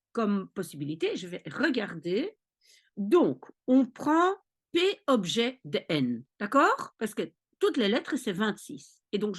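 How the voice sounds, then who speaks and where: A woman tutoring maths, explaining patiently step by step and checking in often with her listeners. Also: mid-range voice. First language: Dutch. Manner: patient, repeats checks like "ok?" and "d'accord?". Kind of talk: explanatory lesson.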